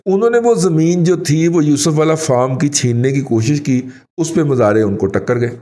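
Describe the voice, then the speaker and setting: A man with a Pakistani Urdu accent, co-hosting a talk show and giving rambling, animated commentary. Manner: animated, rambling, pitch jumps when emphatic. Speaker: co-host, elder commentator.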